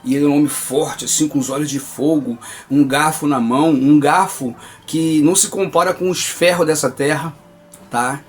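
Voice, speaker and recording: Brazilian man, religious testimony, emphatic and earnest, slightly high pitch. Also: moderate pace. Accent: Brazilian Portuguese. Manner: earnest and emphatic, addresses listeners as brother.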